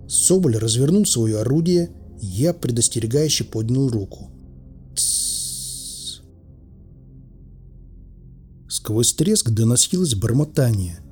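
A male audiobook narrator who tells the story in a wry, conversational way. His voice is husky, and his pitch moves a lot. Faint music plays underneath. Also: warm tone. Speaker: audiobook reader.

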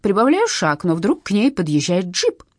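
Woman reading a clumsy young woman, whiny and flustered, lively pitch, husky voice. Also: normal speed, dry recording, clean studio sound. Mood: recounting. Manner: plaintive and flustered.

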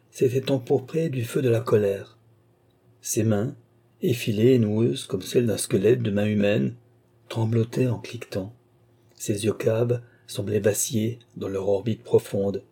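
A male audiobook narrator reads a classic novel in a measured, steady voice. His tone is dark and mellow, with a husky grain. He keeps an unhurried, even delivery through long sentences. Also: lowish voice. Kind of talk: scripted literary narration.

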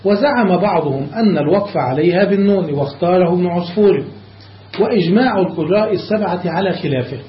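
A man teaching a classical grammar lesson, explaining each rule step by step, checking that his students follow, and slowing down on examples. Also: high-pitched, a little hiss or hum. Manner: slows down on examples. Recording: echoey lo-fi room recording.

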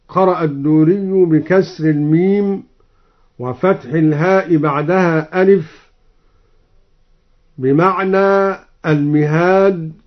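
Slow, high-voiced man chanting scripture. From Egypt. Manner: alternates plain explanation with slow melodic chanting. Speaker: Quran recitation presenter. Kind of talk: explaining and chanting Quran readings. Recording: dull old radio recording.

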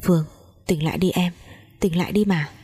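Woman voicing a steady protective young man. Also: lowish voice, brisk, husky, no room sound, clean studio sound. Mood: urgent. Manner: soothing, urging calm.

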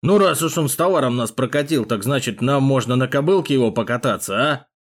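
A man voicing a coarse, dim-witted male police thug who talks crudely and haltingly in an audiobook. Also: mid-range voice, animated, close to an everyday voice. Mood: leering. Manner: crude, hesitant, loud.

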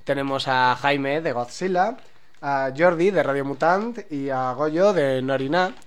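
A man hosting a year-end radio show, joking and halting with fillers and restarts. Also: mid-range voice, clear, resonant tone. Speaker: host. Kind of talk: casual radio chat. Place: small radio studio.

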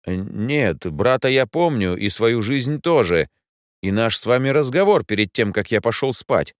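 A man's voice: mid-range voice, animated, moderate pace, no echo, studio quality, pitched above the performer's own voice, lightly acted. Man doing a stammering, flustered man. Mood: confused. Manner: hesitant, stammering. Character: flustered, forgetful middle-aged man.

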